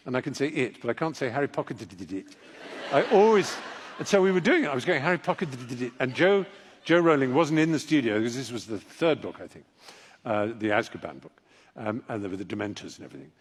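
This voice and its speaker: A man's voice: mid-range voice, expressive, quick pace, slightly rough. Older man telling a rambling anecdote. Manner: rambling, self-deprecating, with frequent restarts. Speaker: actor and audiobook narrator. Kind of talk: anecdotal storytelling to a live audience.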